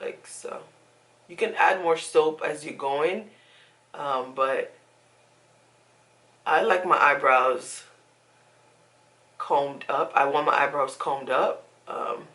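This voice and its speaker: A woman's voice: sits low, slow, pauses often, a bit bright. A young woman giving a casual, chatty beauty tutorial to camera, emphatic and fond of repeating words. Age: young adult. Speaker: beauty vlogger. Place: small indoor room at home.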